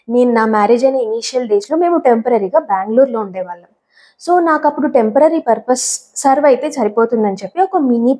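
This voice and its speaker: A woman's voice: a little high, warm tone. A woman in her thirties, a home vlogger, giving a chatty introduction that mixes in English terms. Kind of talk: friendly channel intro.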